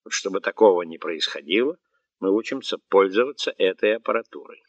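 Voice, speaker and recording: A man's voice: deep voice, brisk, no echo. A man reading a patient army sergeant. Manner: calm, explaining, mildly teasing. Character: gruff but patient male army sergeant. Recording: dull, muffled audiobook recording.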